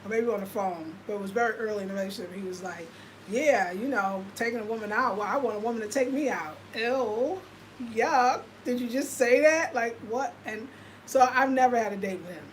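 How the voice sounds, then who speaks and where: Here the same kind of speaker, an American lifestyle vlogger in her fifties, talks casually and confidingly to her livestream audience with lots of fillers. She sounds a little high and brisk. There's a bit of hiss or hum on this low-quality recording.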